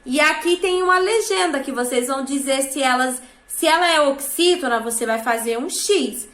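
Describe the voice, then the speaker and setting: A schoolteacher with a Brazilian Portuguese accent talks her pupils through an exercise step by step, pausing often to check they understand. Her voice sits high and sounds clear and bright. It carries the hollow ring of a classroom. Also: roomy sound. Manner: patient, checks understanding with frequent tag questions. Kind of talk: classroom instruction.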